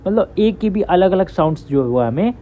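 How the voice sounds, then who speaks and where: A man's voice: sits high, animated, moderate pace. A young man giving a casual, chatty online English lesson. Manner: chatty, loose, reassuring, calls listeners bhai. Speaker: English teacher. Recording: thin phone-like audio with faint hiss.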